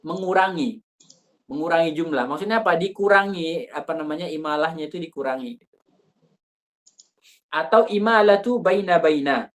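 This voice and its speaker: A man leads a recitation lesson in a relaxed, chatty way. He searches for words aloud and breaks into sung examples of how the vowels should sound. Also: fairly high pitch, moderate pace, pauses often. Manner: informal, thinks aloud with fillers, demonstrates vowel sounds. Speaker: Quran recitation teacher. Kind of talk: explaining recitation rules in a class.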